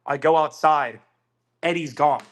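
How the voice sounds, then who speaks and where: Here a podcast guest spins a lengthy, relaxed story, his voice sitting on the high side and his pace a little slow. He curses without restraint and animatedly performs what others said.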